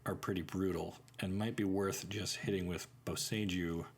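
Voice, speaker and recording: This man hosts a card-game channel, thinking aloud and upbeatly commenting on his plays in casual gameplay commentary. His voice sits low, with a steady tone and normal speed.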